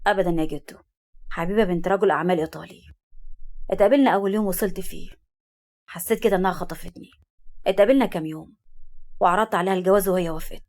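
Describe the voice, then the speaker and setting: A woman reading a story, voicing a smooth-talking young man with an Egyptian accent and a glib, playful manner. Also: lowish voice, very fast, pauses often, darkish tone, natural voice. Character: smooth young man hiding a secret marriage.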